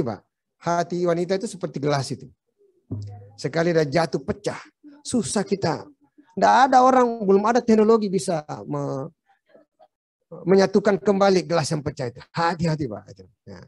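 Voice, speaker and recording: Gravelly-voiced man giving a joking seminar talk. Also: on the high side, expressive, normal speed, long pauses, darkish tone, no echo, studio quality. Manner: joking, chatty, often turns to the audience as "Pak". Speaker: seminar speaker. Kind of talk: seminar lecture. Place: hotel seminar room.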